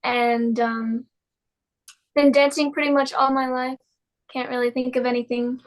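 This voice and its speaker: Slow-talking teenage girl, high voice. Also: level tone, low-quality recording. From Hong Kong. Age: teens. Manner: easygoing, hesitant, many "um"s. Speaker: guest. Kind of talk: interview answers.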